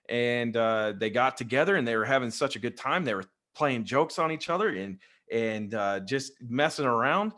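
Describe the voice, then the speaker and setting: A man talks at an easy, middle pitch. He rambles through jokey stories as a guest in a casual interview, speaking into a desk microphone over a video call. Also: fairly bright tone. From West Texas. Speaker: guest, Freemason.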